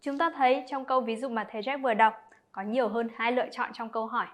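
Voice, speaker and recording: A woman teacher walks young pupils through each example in a clear, explanatory way. Her voice is slightly high, and she speaks straight to the children as she breaks down every point. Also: fairly even intonation, fast talker, noisy background. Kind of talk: explanatory lesson narration.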